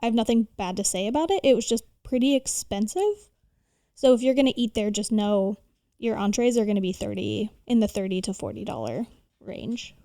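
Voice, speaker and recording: A woman's voice: mid-range voice, expressive, brisk, warm tone, dry recording, studio quality. An American woman co-hosting a podcast, casually sharing recommendations in informal speech peppered with "like". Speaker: podcast co-host.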